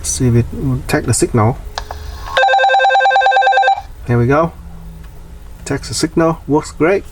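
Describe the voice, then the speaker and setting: A DIY tutorial host casually demonstrates a hands-on project, explaining each step in short, plain phrases. His voice is mid-range at a normal speed, captured by a distant mic with background noise.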